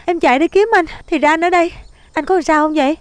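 Frantic stubborn young wife, high voice, stammers. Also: female voice, fast, a little hiss or hum. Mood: anxious. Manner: panicky, whiny, stammering.

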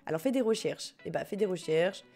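A fairly low-pitched, warm and expressive female voice with a French accent moves fairly quickly through casual commentary on a life-sim game stream. She reads chat, jokes and laughs a lot, with faint music behind.

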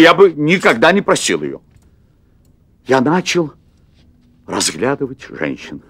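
A nervous fifty-year-old husband. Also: male voice, on the high side, a bit bright, no echo, heavily acted. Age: 50s. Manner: confessional, hesitant, repeats words. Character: anxious middle-aged man, restaurant owner craving adventure. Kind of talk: stage play recorded for television. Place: theatre stage set as hotel room.

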